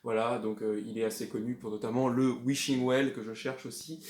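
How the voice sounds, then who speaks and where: A man's voice: mid-range voice, level tone, moderate pace, a little mellow. A man casually showing off his flea-market record finds, rambling with many hesitations and plain enthusiasm. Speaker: record collector vlogger. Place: indoors at home. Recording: echoey room.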